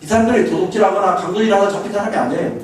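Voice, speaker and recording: A man's voice: high voice, expressive, racing. A man from Korea's Chungcheong region preaching a sermon, telling folksy stories and often chuckling. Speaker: pastor. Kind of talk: sermon lecture. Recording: echoey hall, far from mic, faint hiss.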